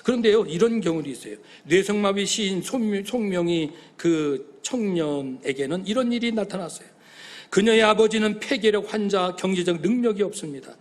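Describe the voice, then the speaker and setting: High-voiced pastor preaching with feeling. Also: male voice, moderate pace. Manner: animated preaching, acting out voices of God and congregants. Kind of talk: sermon.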